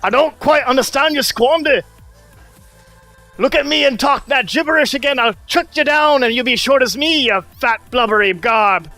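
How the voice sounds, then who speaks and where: A man voicing a crude, boastful male dwarf brawler who trades insults in a gruff, swaggering way. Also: sits high, moderate pace, pushed and bright, no room sound, faint music behind, voice pushed up. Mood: mocking.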